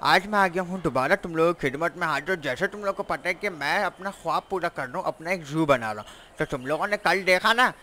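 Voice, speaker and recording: A man's voice: a little high, a little fast. A man with a Pakistani Urdu accent doing casual in-character game roleplay, brash and teasing, calling his viewers his sons. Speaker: gaming vlogger and roleplayer. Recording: loud traffic and engine noise.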